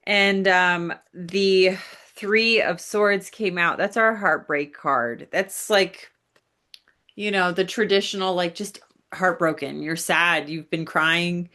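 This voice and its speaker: A woman's voice: fairly low pitch, takes it slowly, bright, forceful tone. A woman giving a casual tarot reading, talking straight to the listener in a chatty way with lots of fillers. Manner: chatty, addresses the listener directly, many fillers. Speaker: tarot reader.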